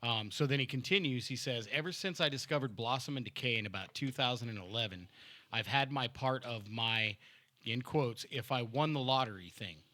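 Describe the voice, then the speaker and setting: Bright-voiced casual podcast host. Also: male voice, mid-range voice, no echo. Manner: loose, laughing, profane, halting with fillers. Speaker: podcast host and band member. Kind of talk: casual chat and reading a fan letter aloud. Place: home-built recording studio. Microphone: studio mic with headphones.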